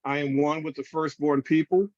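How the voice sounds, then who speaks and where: Heard via screen recording of a video call, this reverend lectures on spiritual matters to an online audience he addresses as family. He speaks at normal speed in a fairly high, a little mellow voice with fairly even intonation, and the dull call audio carries no echo.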